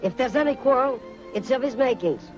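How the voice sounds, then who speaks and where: Earnest young cowboy, old muffled film. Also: male voice, very high-pitched, animated, brisk. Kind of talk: 1930s western film acting. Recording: muffled old 1930s film soundtrack, music behind.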